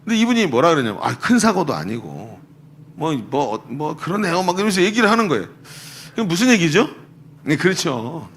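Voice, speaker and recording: Animated Korean pastor telling a story. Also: male voice, on the high side, slight background noise. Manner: animated, acts out dialogue in changing voices. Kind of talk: storytelling sermon. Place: church sanctuary.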